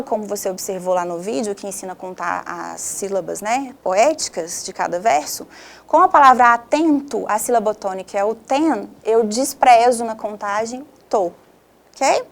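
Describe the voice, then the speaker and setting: A woman teacher with a Brazilian Portuguese accent, giving an online video lesson and explaining patiently step by step, often checking in with the listener. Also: on the high side.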